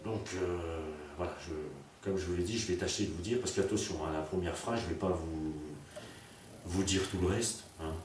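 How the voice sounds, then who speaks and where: Comic storyteller, male, low voice, full of puns and restarts; mic far off in a booming room. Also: moderate pace. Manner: rambling, full of fillers and puns. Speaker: comedian. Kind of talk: rambling comic monologue. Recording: very echoey, distant, faint noise.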